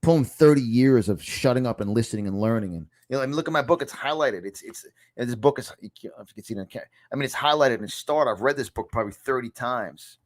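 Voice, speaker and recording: In a mid-range voice that moves quickly with hardly any pauses, a success coach in his fifties addresses the camera. He has a New York accent, films in a small home studio, and drives his motivational lesson with emphasis and repetition.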